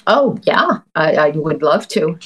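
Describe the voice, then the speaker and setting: Queens accent lady poet, bit on the low side, thoughtful, like a guest on an interview show. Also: sing-song, a little slow, a bit bright, slightly rough. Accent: Queens, New York. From Queens, New York City. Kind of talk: thoughtful interview talk and poem reading.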